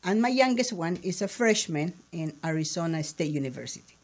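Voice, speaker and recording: A woman's voice: on the low side, expressive, brisk, background noise. Chatty woman with a foreign accent. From abroad, not born in the United States. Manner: chatty, sociable, laughs easily. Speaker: guest, entrepreneur. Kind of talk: casual studio talk show chat. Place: small studio with table mics. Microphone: studio mic on boom arm.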